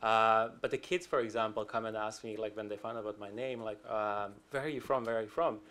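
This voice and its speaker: A man's voice: on the low side, steady tone, brisk, a bit bright. A man, answering as a panelist at a conference, talking conversationally with many fillers and restarts. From Finland. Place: conference hall.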